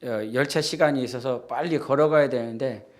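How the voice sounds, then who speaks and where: A man's voice: mid-range voice, brisk. A man preaching a church sermon in an easy, conversational way, now and then acting out quoted lines in a raised voice. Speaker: pastor.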